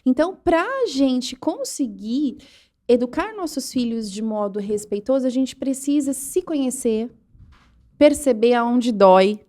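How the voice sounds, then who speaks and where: A woman's voice: sits high, lively intonation, a little slow, mellow. A woman in her thirties with a Brazilian Portuguese accent, a parent educator who tells her story earnestly as a guest in a podcast studio. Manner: earnest storytelling, acts out quoted lines. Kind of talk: interview conversation.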